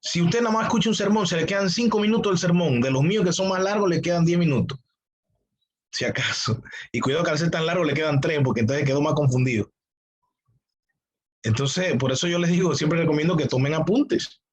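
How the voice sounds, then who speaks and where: A man with a husky voice, pitched a little high for a man, teaching a church theology class. He presses his points with emphatic repetition and rhetorical questions. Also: a little fast, low-quality recording. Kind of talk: teaching sermon.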